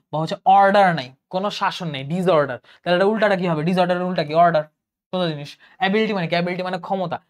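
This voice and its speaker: A young man gives an online class lecture in a high, quick voice. He repeats each word and asks and answers his own questions as he goes. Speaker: teacher.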